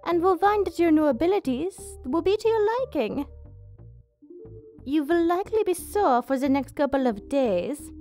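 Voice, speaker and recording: A woman's voice: high-pitched, warm tone. A woman playing a doting witch healer in an ASMR roleplay, speaking soothingly and carefully in formal medical phrases. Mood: reassuring, clinical. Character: witch healer, doting, clinical, gently possessive of her little monsters. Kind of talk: ASMR roleplay, soft scripted character acting. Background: music.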